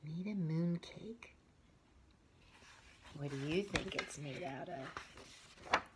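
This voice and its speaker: Against background noise, a woman teacher with a low voice reads a picture book to children with lots of expression. She steps outside the tale at times to talk with the young listeners and ask them questions.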